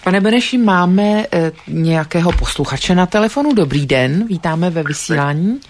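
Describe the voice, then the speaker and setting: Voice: mid-range voice, lively intonation, a little hiss or hum. A radio presenter hosting a call-in show, politely introducing callers and questions. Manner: polite, moderating calls.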